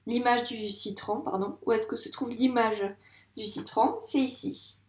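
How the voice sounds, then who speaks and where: A woman teaching a reading lesson to young children in a patient, encouraging way, sounding out words slowly at the board. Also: a little high, reverberant. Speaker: primary school teacher. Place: classroom with a board.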